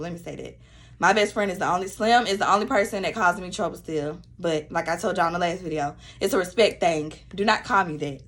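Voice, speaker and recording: A woman's voice: medium pitch, a bit bright. A woman vlogger, giving blunt, profane, preachy motivational talk to her viewers. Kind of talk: casual motivational talk to camera.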